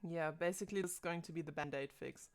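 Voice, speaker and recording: Her low voice is steady in tone and fast as this woman in her twenties streams from home. She chats casually and thinks aloud into a desk microphone, puzzling over her setup.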